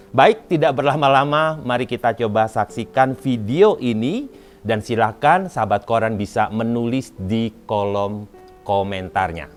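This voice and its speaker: A man hosting a reaction show about preaching, speaking deliberately with occasional fillers. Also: mid-range voice, soft background music. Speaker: host. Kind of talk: reaction commentary.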